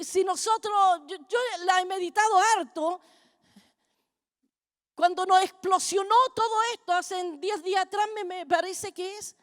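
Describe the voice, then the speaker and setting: A middle-aged woman, preaching a fervent sermon that builds to shouting. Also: extremely high pitch. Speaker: apostle preaching at a congress.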